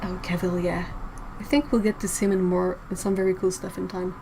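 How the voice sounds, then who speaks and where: A woman's voice: fairly low pitch, flat delivery, brisk, vocal fry, noisy background. A woman hosting a casual livestream, chatting and reacting to chat messages with frequent laughs. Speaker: livestream host.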